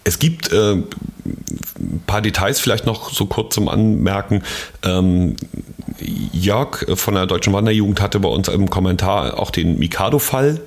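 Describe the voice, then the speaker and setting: A man co-hosting a podcast, explaining legal points in a relaxed, conversational way and often checking in with a quick "ne?". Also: low-pitched. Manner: conversational, explanatory, frequent "ne?" tags. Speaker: podcast co-host. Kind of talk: casual podcast discussion.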